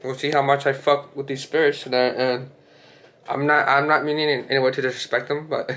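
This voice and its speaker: A bright-toned young man of medium pitch trembles from cold while chatting loosely to camera, peppering his talk with swear words and fillers. It's a casual vlog filmed handheld by a friend, moving from outdoors on a city street to a hotel room, with noisy street and room ambience behind him.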